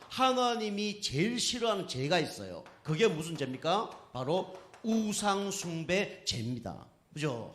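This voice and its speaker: Male pastor, conversational sermon delivery, lively intonation, keeps checking in with listeners. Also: fairly high pitch. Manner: conversational preaching, with frequent tag questions to the congregation; acts out quoted speech in anecdotes.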